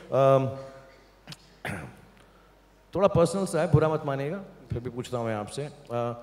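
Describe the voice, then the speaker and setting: Onstage at a launch event in a large hall, a male host playfully jokes with a couple, teasing and coaxing them. His voice is mid-range, darkish, and unhurried, and the recording carries hall reverb with faint ambience.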